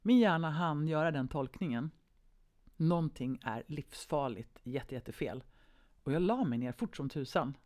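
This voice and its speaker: A woman co-hosting a casual podcast conversation, telling a personal story vividly and varying her pace between brisk and slow. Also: low voice, animated, darkish tone. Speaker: podcast co-host.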